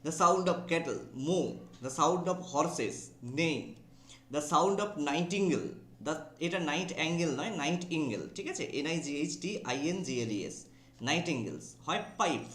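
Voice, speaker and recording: A man's voice: a little high, animated, slow pace, fairly bright tone, echoey room. A man teaching an exam vocabulary class with a Bengali accent, drawling key English words, spelling them out and often checking that students follow.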